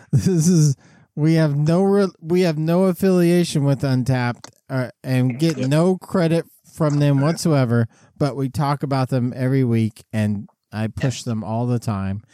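A man's voice: mid-range voice, a little slow, warm tone, no room sound, studio quality. A man hosting a casual podcast chat, calling in over a payphone line from an airport. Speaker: podcast host.

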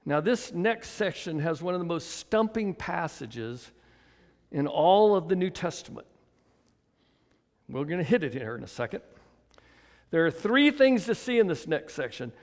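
A high-pitched older man in his seventies delivers a sermon in a church, with folksy humor and little chuckles. He keeps calling on the congregation to answer back. His voice rings out with a long reverb through the sanctuary. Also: sing-song, unhurried, long pauses. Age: 70s. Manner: folksy, chuckling asides, calls for congregation response. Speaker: pastor.

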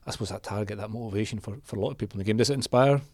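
Quick-talking Scottish man hosting. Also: on the low side, crowd noise. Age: middle-aged. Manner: chatty, teasing, asks rapid questions. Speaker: podcast host. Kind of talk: casual chat.

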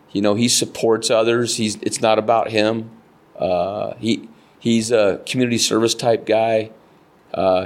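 A middle-aged man from Nebraska, a kayak fishing guide, telling stories in a rambling, earnest way full of fillers and restarts. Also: lowish voice. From Nebraska, United States. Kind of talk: casual storytelling interview.

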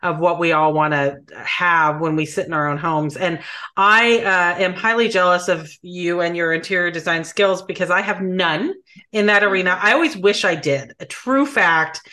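A woman's voice: fairly low pitch, normal speed, bright, forceful tone. A woman hosting an interview in a casual, playful way, joking and laughing along with her guest. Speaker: host.

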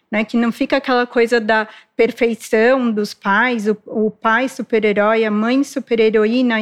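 Higher-voiced woman explaining parenting. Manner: explanatory, acts out parents' lines. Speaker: child development specialist. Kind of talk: podcast conversation.

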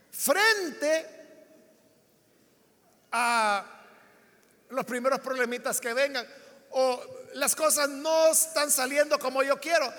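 A man's voice: very high-pitched, bright, forceful tone, big-room sound. A man preaching a sermon, passionately acting out the dialogue of his stories. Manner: impassioned, acts out biblical dialogue.

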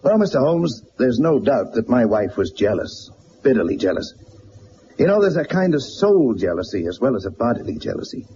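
A man acting in a radio drama plays a blunt, proud tycoon, a rich middle-aged businessman accustomed to power, using his natural voice with animated pitch. Grave and troubled, he confesses in a halting yet emphatic way. It's a dull, noisy old recording.

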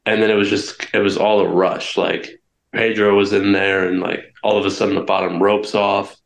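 Young male guest, low voice, candid and rambling, echoey room sound. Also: level tone, normal speed, creaky. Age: young adult. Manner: candid storytelling with many restarts. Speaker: guest wrestler. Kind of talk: casual interview.

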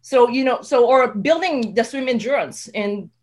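Brief: woman host with a somewhat high voice, chatty, laughs a lot, casual interview talk. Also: normal speed. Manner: chatty, laughs often, restarts words. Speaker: podcast host.

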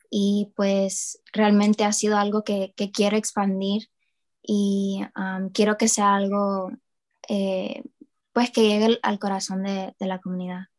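A woman's voice: mid-range voice, a little mellow. A young woman from New Orleans, a student guest in an interview, talking with hesitant fillers and restarts. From New Orleans, USA. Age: young adult. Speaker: guest, student and project founder. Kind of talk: casual interview.

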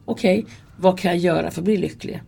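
A woman speaks in a gravelly, husky, fairly low voice with a mellow, dark tone. She tells her stories candidly and earnestly, acting out what people said. It is a relaxed interview conversation. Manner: candid, earnest, acts out quoted dialogue. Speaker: interview guest, subway security worker. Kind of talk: casual conversational storytelling.

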